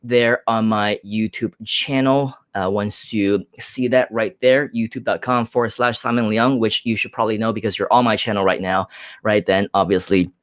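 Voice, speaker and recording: A man's voice: on the low side, steady tone, normal speed, no room sound, studio quality. A man from Hong Kong hosting a live stream, answering viewer comments in an upbeat, direct way with frequent filler sounds.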